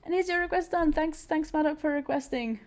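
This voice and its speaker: A woman's voice: sits high, brisk, a little mellow. A young woman streaming as she draws, chatting casually in a rambling way with many fillers, stammered restarts and frequent laughs. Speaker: artist streaming while drawing. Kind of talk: casual chat while drawing.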